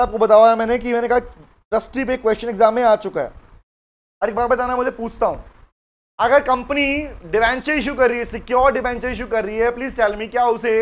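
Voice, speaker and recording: A middle-aged man with an Indian English accent teaching a live law class, dictating notes slowly in mixed Hindi and English and calling on students by name. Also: high voice. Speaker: law lecturer.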